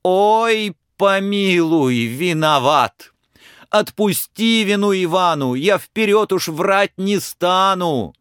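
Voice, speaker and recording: A man's voice: sits high, lively intonation, slow, a bit bright, clean tone, no room sound, studio quality, voice pushed up, full character voice. A man voicing a frightened, pleading young peasant lad in a storybook reading. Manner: pleading, wailing.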